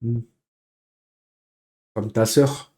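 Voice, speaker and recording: A man's voice: fairly even intonation, very slow, dark tone. A man live streaming in casual chat, venting with heavy swearing and breaking into nervous laughter as he reacts to comments. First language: French. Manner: bursts into nervous, high-pitched laughter.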